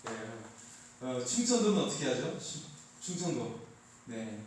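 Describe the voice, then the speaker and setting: A man's voice: mid-range voice, sing-song, a little slow, darkish tone, a little hiss or hum. A man preaching a Sunday sermon, light and joking as he quizzes his congregation. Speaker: pastor. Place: church sanctuary. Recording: echoey hall, heard from a distance.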